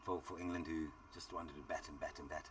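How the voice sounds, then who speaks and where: A middle-aged South African man commentates live cricket, chatty and rambling, with plenty of fillers. His voice sits very low. He is picked up from a little way back from the microphone. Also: little pitch movement, quick pace, fairly bright tone, recorded from a distance, a little hiss or hum.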